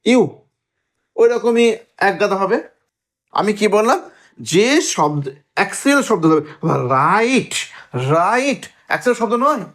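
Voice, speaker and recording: Male grammar teacher, lively rise and fall, step-by-step explanations with constant checking questions, drawn-out stressed words. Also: high-pitched. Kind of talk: classroom lesson.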